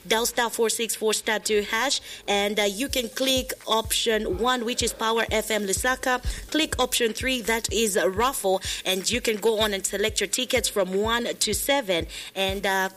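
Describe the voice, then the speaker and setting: Casting: female Zambian radio host, fairly high voice, phone-in promo style over a light music bed. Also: steady tone, moderate pace, few pauses, a bit bright. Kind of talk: lively radio promotion and phone-in chat, mixing languages. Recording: music playing behind the voice.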